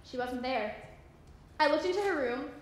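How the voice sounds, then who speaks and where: A woman's voice: high-pitched, normal speed, close to an everyday voice. Woman playing a troubled runaway girl, echoey hall. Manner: earnest, confessional storytelling. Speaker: stage actor. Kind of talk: theatrical monologue. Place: library hall, live performance. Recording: echoey room, faint hiss.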